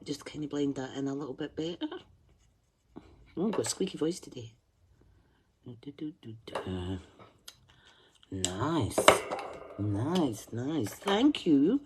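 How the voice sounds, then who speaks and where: Very animated but slow, with long pauses, a woman with a very deep voice hosts a live colouring demonstration. She chats and thinks aloud, humming to herself while she concentrates, against heavy background noise.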